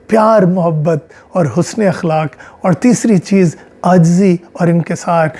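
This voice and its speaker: A man with a Pakistani Punjabi accent, a psychologist giving an explanatory lecture, talking in a measured way, working through examples and mixing in English phrases. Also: high voice, dark tone. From central Punjab, Pakistan.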